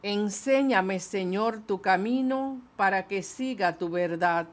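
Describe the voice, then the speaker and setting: Older woman lector, very slow and measured scripture reading, lectern mic in a small chapel. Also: medium pitch, a little hiss or hum. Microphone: lectern microphone.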